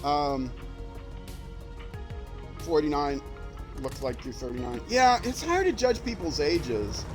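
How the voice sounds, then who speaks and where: An older retired man whose voice still sounds young streams a game, chatting casually and rambling with lots of fillers. His voice is on the high side and sing-song, moving at a slow pace over music.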